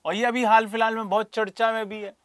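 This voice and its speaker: Guy teacher, fairly high voice, keeps asking the class did you get it, calls kids by name. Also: level tone, fast, dry recording. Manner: asks students rhetorical questions and calls on them by name. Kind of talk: classroom lecture for exam prep.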